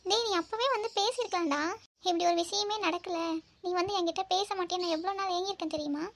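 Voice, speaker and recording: A woman's voice: extremely high pitch, fast, slight background noise. A woman voicing a hurt, angry young woman in a cartoon, reproachful and demanding. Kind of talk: cartoon voice acting.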